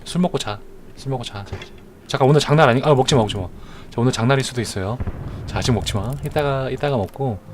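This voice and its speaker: A man's voice: medium pitch, quick pace, a little hiss or hum. A man streaming a game live, chatting in a joking, mock-earnest way as he justifies his moves. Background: music.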